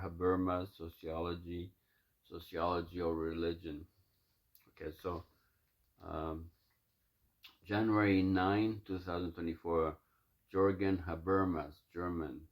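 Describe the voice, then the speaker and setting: Low-voiced man reading his own notes. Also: lo-fi sound. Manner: halting, many fillers and restarts. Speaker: self-recording reader of his own writings. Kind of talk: casual spoken preamble, then reading his notes aloud.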